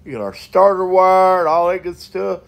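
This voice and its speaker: Folksy, gravelly mechanic. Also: male voice, high voice, moderate pace. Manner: folksy, plain-spoken. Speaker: mobile mechanic. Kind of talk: voice-over narration of a repair video.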